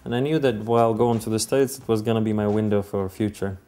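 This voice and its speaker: A young man from Kyrgyzstan telling his life story calmly in a documentary interview, with some fillers. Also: fairly low pitch, fast talker, faint music behind. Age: young adult. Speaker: advertising account director.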